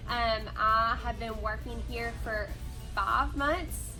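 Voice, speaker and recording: A woman's voice: fairly high pitch, slow, low-quality recording. A woman in her twenties from Kentucky, upbeat and friendly, talking about her job. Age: 20s. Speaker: administrative assistant. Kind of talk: casual self-introduction. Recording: background music.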